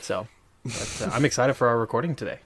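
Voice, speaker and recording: A man's voice: mid-range voice, quick pace, a crowd in the background. A man chatting casually as a podcast co-host with dry, joking understatement, his voice echoing in an empty room. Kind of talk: casual chat. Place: empty room with bare walls and a desk. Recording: echoey bare room.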